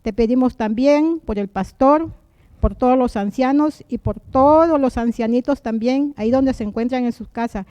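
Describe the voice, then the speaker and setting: Female church host, high mellow voice, soft and earnest prayer leader, dry close sound. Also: moderate pace, dry recording, dull audio. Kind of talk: church welcome and spoken prayer.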